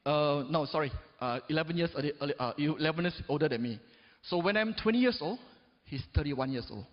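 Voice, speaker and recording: A motivational speaker in his forties gives an emphatic stage speech, constantly asking the crowd "right?" and "yes or no?". His expressive, slightly fast delivery swings between loud rises and low drops. The recording sounds dull, captured in a large reverberant hall.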